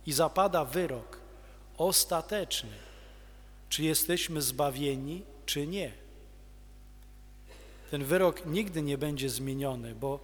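A man preaching a homily as a priest, slow and measured with pauses. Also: fairly high pitch. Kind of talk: sermon. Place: church. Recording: long church reverb.

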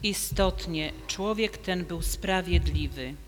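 A man reading the parts of the onlookers, thieves and centurion in a liturgical Passion reading, slow and measured. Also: high-pitched. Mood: earnest. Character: onlookers at the cross: scoffing rulers, soldiers, thieves, centurion. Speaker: reader of the Passion. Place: church. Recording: long church reverb, faint hum.

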